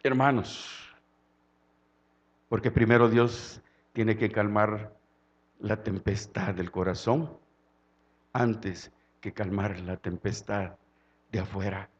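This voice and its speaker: A man from El Salvador with a Salvadoran Spanish accent, preaching a sermon. He swings from quiet, low-spoken passages to loud, impassioned calls. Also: fairly even intonation, takes it slowly, pauses often, muffled recording.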